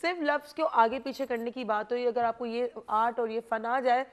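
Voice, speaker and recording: A woman's voice: fairly high pitch, steady tone, normal speed. A woman with a Pakistani Urdu accent hosting a television health talk show, chatty and mixing English phrases into her speech. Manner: chatty, mixes English phrases in, frequent "hmm" backchannels. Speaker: TV show host.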